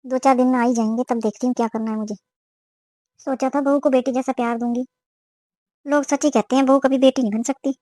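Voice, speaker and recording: A woman's voice: sits high, mellow, dry recording, lightly acted. A woman voicing a suspicious, scolding middle-aged mother-in-law in a cartoon. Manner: scolding, complaining. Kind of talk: cartoon voice acting.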